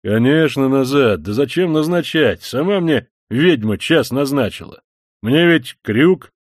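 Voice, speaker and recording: A man's voice: mid-range voice, lively intonation, unhurried, no echo, clean studio sound. A man reading an audiobook, voicing an impatient grown man who grumbles and swears. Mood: irritated.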